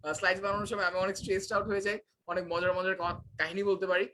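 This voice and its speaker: A man's voice: high-pitched, level tone, rapid-fire, bright, forceful tone, slight background noise, poor audio. A young man teaching a live online class, switching between Bangla and English with frequent filler sounds.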